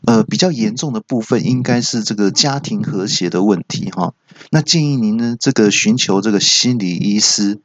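A man's voice: fairly low pitch, moderate pace, slight background noise, lightly acted. A man playing a fawning phone rep. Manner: fawning, hedging with fillers. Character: overly polite male phone company rep. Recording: dull dry recording.

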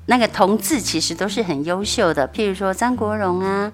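一位带台湾口音的中年女性，音高适中，说话朴实诚恳，偶尔温和地打趣。背景隐约有音乐。. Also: female voice, mid-range voice, moderate pace, soft background music. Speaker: host's mother, guest. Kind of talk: casual family chat.

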